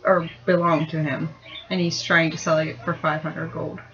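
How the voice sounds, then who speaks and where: A woman player in a casual tabletop role-playing game, asking questions in a relaxed way. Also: normal speed. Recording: dull low-fi sound with faint noise.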